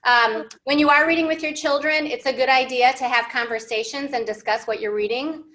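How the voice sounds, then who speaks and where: An American woman in her thirties leads an interactive storytime for young English learners, seated at a whiteboard in an indoor library room. Her voice is high, fairly quick, and sharp, and she uses simple, encouraging, teacherly phrases and asks the children questions.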